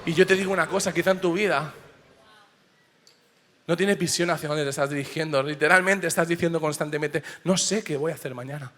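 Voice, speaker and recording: A male pastor preaching a passionate sermon in a church, swinging from hushed lines to shouts. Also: fairly high pitch, brisk. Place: church auditorium. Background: soft piano.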